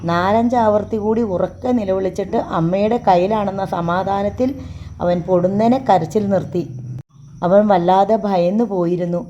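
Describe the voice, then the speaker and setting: A woman narrating a story for an audiobook in a steady, measured reading. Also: mid-range voice, dull audio, a little hiss or hum.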